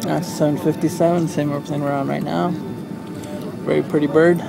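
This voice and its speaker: Higher-voiced man commenting casually, loud background. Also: level tone, normal speed, creaky, over loud music, rough recording. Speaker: passenger filming a video. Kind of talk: casual running commentary on planes. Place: inside an airliner cabin.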